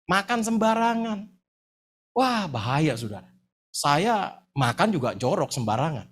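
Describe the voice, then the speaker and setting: A middle-aged man preaching a lively, humorous sermon, joking and telling stories in slangy speech. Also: a little high, a little slow, husky. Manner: animated, joking, slangy storyteller. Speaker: pastor.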